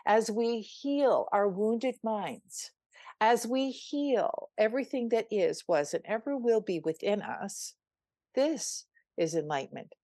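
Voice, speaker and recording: An older woman speaks as a spiritual coach on a podcast, earnest and emphatic, often restarting her sentences. Her voice sits at a middle pitch. The sound is dry and close. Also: lively intonation, slow, warm tone, no echo. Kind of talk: podcast guest storytelling.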